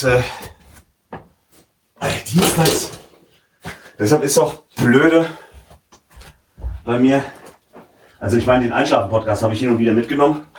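A man chatting casually while playing a game, rambling, muttering to himself and swearing now and then. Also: mid-range voice. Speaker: let's play commentator. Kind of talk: casual gameplay commentary. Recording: roomy, distant mic, noisy background.

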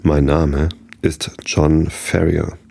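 A man voicing a weary male settler in a slow bedtime story reading, earnest. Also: extremely low pitch, level tone, gravelly, dark tone, no echo, heavily acted.

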